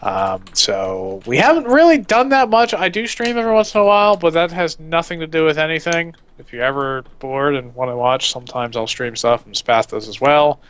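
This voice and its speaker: A man's voice: a little high, expressive, normal speed, hardly any pauses, fairly bright tone, clear, resonant tone, muffled recording. A man co-hosting a podcast in casual chat, rambling and self-deprecating. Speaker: podcast co-host.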